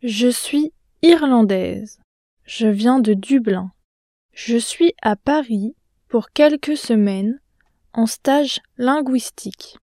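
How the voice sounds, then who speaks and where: Actress as a calm young student in a language-lesson dialogue, slow and mellow, dry studio sound. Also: female voice, a little high, dry recording. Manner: slow, careful, clearly articulated.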